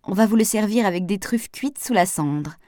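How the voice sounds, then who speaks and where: A woman reading aloud, voicing a calm, capable woman who explains things patiently. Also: medium pitch, moderate pace, dry recording, clean studio sound, natural voice. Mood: composed.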